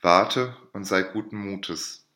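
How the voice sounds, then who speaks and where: A man's voice: lowish voice, fairly even intonation, normal speed, fairly bright tone, roomy sound, close to an everyday voice. A man reading aloud and voicing a scheming, mocking noblewoman who speaks with feigned sweet sympathy. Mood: mock concern.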